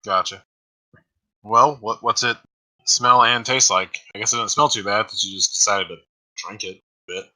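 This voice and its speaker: A man's voice: lowish voice, steady tone, moderate pace, long pauses, sharp tone, poor audio. A man playing a tabletop game, joking and rambling as he talks. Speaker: player. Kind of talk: tabletop game banter over voice chat.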